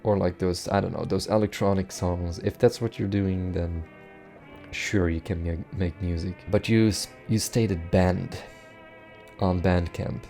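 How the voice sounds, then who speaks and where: A man's voice: sits low, steady tone, a little slow, vocal fry, dark tone, faint music behind. A man in his twenties hosting a casual viewer Q&A, answering in a dry, offhand, self-deprecating way while his voice is giving out. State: losing his voice. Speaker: bass cover channel host.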